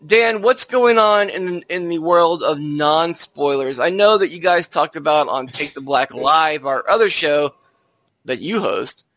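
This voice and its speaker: A man's voice: a little high, a little slow, a bit bright. A man hosting a podcast, chatting casually with a co-host.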